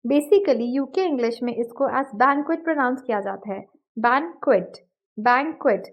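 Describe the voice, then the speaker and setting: A woman teaching English pronunciation, speaking slowly and carefully and repeating each word twice. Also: high-pitched, lively intonation. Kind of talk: scripted lesson narration. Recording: dull lo-fi recording.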